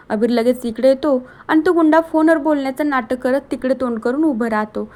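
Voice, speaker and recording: A woman's voice: high voice, a little mellow. A woman narrating a casual recap of a TV serial episode, retelling the plot step by step in a chatty way. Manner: chatty, retells plot line by line with frequent connectives.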